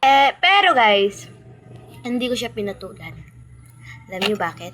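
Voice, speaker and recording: A woman's voice: medium pitch, sing-song, unhurried, noisy background. A young woman vlogger chatting casually to her viewers, telling a storytime and calling them "be" and "guys".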